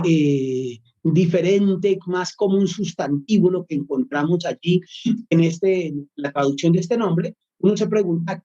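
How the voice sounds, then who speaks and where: A man's voice: sits high, mellow, lo-fi sound. A male Bible course professor giving a recorded lecture, thoughtful and full of hesitations and fillers.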